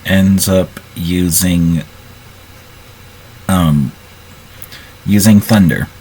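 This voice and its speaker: Deep, slow-talking man at role-play. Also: darkish tone, slight background noise, low-quality recording. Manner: halting, restarts sentences. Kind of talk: casual role-play narration.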